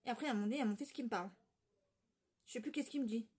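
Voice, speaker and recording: A woman's voice: on the high side, racing, a little mellow, slightly rough. A woman vlogger telling a rambling, gossipy story in casual chat, with lots of fillers and restarts.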